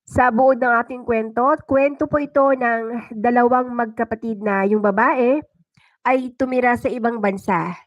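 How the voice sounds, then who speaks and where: This woman, a Filipino-accented livestream host and storyteller, has a voice on the high side with fairly even intonation and a measured pace. She alternates dramatic first-person storytelling with casual chat. The audio is dull, without echo.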